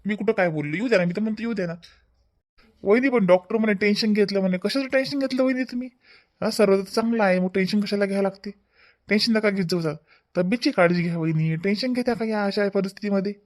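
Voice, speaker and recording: A man plays a talkative young village husband in a cartoon family drama. He rattles on quickly. His voice is pitched high for a man. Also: lightly acted. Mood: advising. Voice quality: chatty, reproachful, explaining at length. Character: fussing young husband and brother-in-law, talkative. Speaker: cartoon voice actor.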